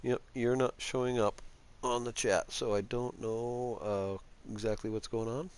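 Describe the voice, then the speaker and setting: A man streaming a video game live, chatting casually and halting with fillers while he sorts out a friend's microphone. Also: mid-range voice, steady tone, a little mellow, clean tone.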